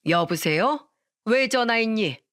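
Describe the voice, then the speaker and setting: A woman's voice: a little high, animated, a little slow, fairly bright tone. A woman voicing a spiteful older mother-in-law in a radio story, wailing, scolding and cursing.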